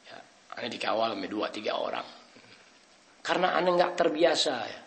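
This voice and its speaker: A man's voice: medium pitch, normal speed, creaky. A middle-aged man tells a story in a sermon, laughing often and acting out the people in it. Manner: animated, switches into voices of people in his story; laughs often, mixes Arabic-derived words. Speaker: preacher.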